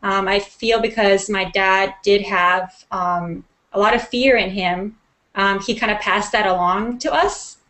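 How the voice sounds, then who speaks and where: A woman's voice: medium pitch, measured pace, fairly bright tone. A woman from Mexico, a guest in an interview, telling her personal story in an earnest, reflective way with frequent ums.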